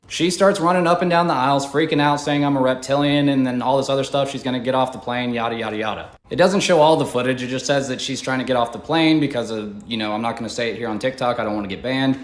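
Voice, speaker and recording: A man's voice: medium pitch, fast talker, few pauses. A man, a social media creator, casually telling his side of a story in a colloquial, matter-of-fact way. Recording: echoey room.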